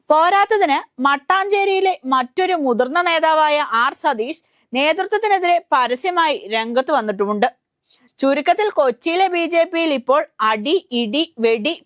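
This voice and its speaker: A woman's voice: sits high, a bit bright, no echo, clean studio sound. A woman with a Malayali accent reading a scripted news voice-over in a wry, satirical storytelling way. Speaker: news narrator.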